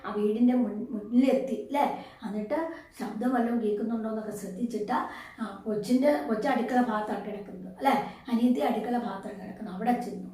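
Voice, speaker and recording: A woman teacher explains a story lesson to her class quickly, in a somewhat high, mellow voice. She keeps posing questions to her pupils and answering them herself, heard from some distance in a very echoey room.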